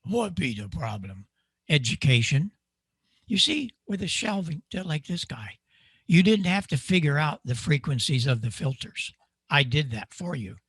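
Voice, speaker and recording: Speaking on the high side at a moderate pace, an older guest speaker who builds microphones presents to a club through a video call mic. He's a lively demonstrator asking himself rhetorical questions, his voice slightly rough on a dry recording.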